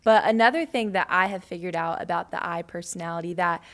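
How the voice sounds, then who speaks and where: A woman's voice: fairly low pitch, fast. A woman co-hosting a ministry podcast, explaining things conversationally. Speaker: podcast co-host. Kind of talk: casual ministry podcast discussion.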